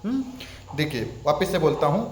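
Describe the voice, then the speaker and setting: A man with an Indian accent teaching Sanskrit recitation, chanting verses slowly and repeating each one patiently, sometimes switching into English. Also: a little high, big pitch swings, reverberant, slight background noise. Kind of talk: spoken lesson with chanted verses.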